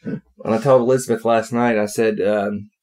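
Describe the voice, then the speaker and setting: A man's voice: lowish voice, steady tone, moderate pace, a little mellow. A man co-hosting a podcast in an easygoing, agreeable casual chat. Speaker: podcast co-host.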